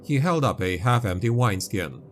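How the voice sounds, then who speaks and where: A man reading grimdark fantasy as an audiobook narrator, with grave, dark, dramatic storytelling. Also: on the low side, expressive, moderate pace, a little hiss or hum. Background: music.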